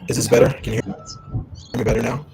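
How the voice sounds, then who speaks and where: Caller, male, heard through a crackly digital call line full of noise; quick, gravelly, flat delivery. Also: mid-range voice. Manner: checking whether he can be heard. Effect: crackly broken-up call connection. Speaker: caller on the show. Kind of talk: casual talk-show call-in.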